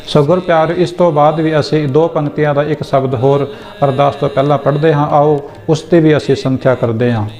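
A man giving a lesson on the correct pronunciation of prayer verses, addressing listeners gently and reciting each line slowly and carefully. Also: a little high. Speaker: teacher of scripture pronunciation. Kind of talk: Punjabi scripture pronunciation lesson.

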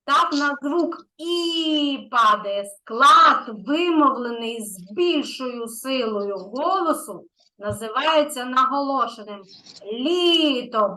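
A woman's voice: on the high side, expressive, slow, sharp tone, poor audio. A woman kindergarten teacher giving an online lesson to a young child, patient and encouraging, stretching out key words.

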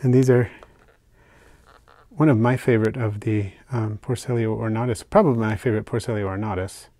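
An older man casually narrating a hobby vlog as he unpacks and shows his isopod purchases, talking in a relaxed, chatty way with fillers and soft asides. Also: fairly low pitch, a little fast, dry recording. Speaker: isopod keeper unboxing purchases. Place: indoors at a table, hands on camera.

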